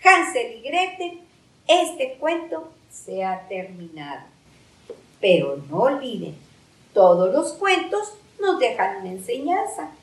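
A woman telling a fairy tale to children, lively and emphatic, repeating words for drama. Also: on the high side, slow pace. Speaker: storyteller. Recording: echoey room, distant mic.

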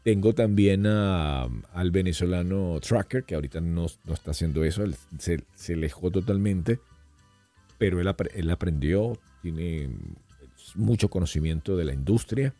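Un hombre invitado a un pódcast, que cuenta historias de forma animada y coloquial, con muchas frases que se reinician. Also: male voice, deep voice, moderate pace, faint music behind. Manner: animated, rambling storyteller with frequent restarts; colloquial, addresses host as "hermano". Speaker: podcast guest. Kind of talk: casual storytelling chat.

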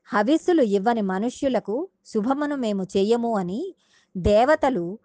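A woman's voice: a little high, lively intonation, unhurried, mellow, no echo. A woman giving a devotional discourse, retelling a sacred story and explaining its meaning earnestly, speaking directly to her listeners.

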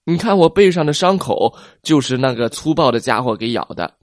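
A man voicing a gentle, kind male sea reptile who speaks eagerly and warmly. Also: medium pitch, lively intonation, a little fast, no echo, studio quality, lightly acted. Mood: sad.

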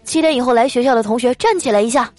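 A woman voicing an angry, scheming schoolteacher, loud and scolding, in a comic monologue. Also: high voice, sing-song, brisk, faint music behind, pitched above the performer's own voice. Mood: stern.

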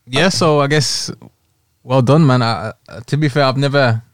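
A man chatting casually as an interviewer, in a hesitant, halting way. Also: mid-range voice, dry recording, studio quality. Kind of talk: casual chat.

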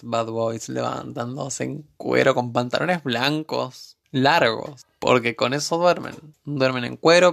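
A man's voice: medium pitch, creaky, a bit bright. A man with an Argentine accent recapping a TV series episode in a casual, sarcastic way with joking asides. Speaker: TV series reviewer.

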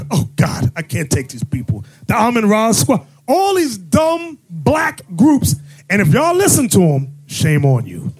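Fiery, husky preaching man. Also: high-pitched, huge pitch swings, unhurried, soft background music. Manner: emphatic, mocking, often shouting. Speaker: bishop and podcast host.

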